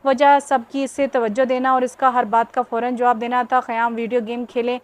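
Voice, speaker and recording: A woman narrating a novel aloud in a steady, even reading voice with occasional restarts. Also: a little high, moderate pace. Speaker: audiobook narrator.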